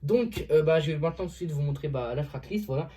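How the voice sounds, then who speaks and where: Hesitant album reviewer, mellow voice. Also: medium pitch, quick pace. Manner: hesitant, many fillers and restarts; keeps saying "voilà". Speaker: music reviewer. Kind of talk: casual album review vlog.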